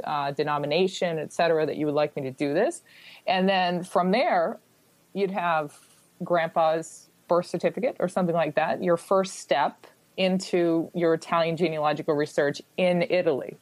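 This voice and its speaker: Low-voiced woman explaining genealogy. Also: steady tone, normal speed, no room sound. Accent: Boston-area American. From United States. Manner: explanatory, acts out little quoted exchanges. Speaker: genealogy expert guest. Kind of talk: casual interview answers.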